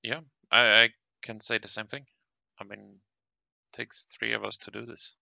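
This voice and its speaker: A man with a low, gravelly voice chats casually as a channel co-host, laughing easily between thoughts. His tone is very bright and forceful, and the sound is dry and close. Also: fairly even intonation, measured pace, dry recording. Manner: laughs often, easygoing. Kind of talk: casual chat.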